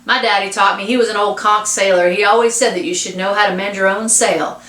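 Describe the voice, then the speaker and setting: Quiet worn-out father figure, woman reader, dry few words, echoing room. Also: mid-range voice, steady tone, brisk, close to an everyday voice. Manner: laconic, dry. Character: quiet tired father, middle-aged man. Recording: roomy echo.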